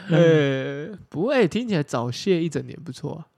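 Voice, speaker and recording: A man's voice: fairly high pitch, lively intonation, moderate pace, vocal fry, a little mellow. A man with a Taiwanese Mandarin accent, co-hosting a casual podcast chat, joking and teasing and laughing often. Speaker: podcast co-host.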